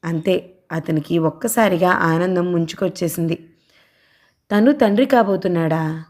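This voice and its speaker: A woman reading a romantic audio novel aloud, steady and expressive. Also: fairly low pitch, normal speed. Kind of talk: scripted narration.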